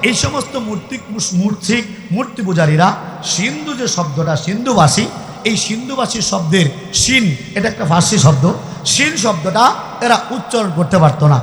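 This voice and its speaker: A man from the Mymensingh region of Bangladesh preaching to a crowd, shouting and firing questions back at his listeners. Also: sits high, lively intonation, moderate pace. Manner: shouting, call-and-response questions to the audience. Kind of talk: Islamic sermon to a crowd. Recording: echoey hall reverb from PA.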